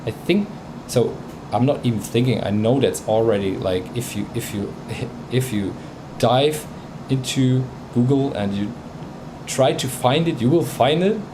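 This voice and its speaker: Over a noisy background, a Bosnian-native man hosting a music livestream chats casually about tracks he's reviewing. His voice is medium-pitched and unhurried, and his talk is hesitant, full of restarts and fillers.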